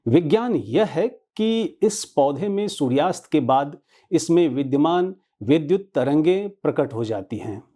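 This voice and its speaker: A man hosting the show, giving a formal scripted narration in a measured way. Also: fairly high pitch, mellow. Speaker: host.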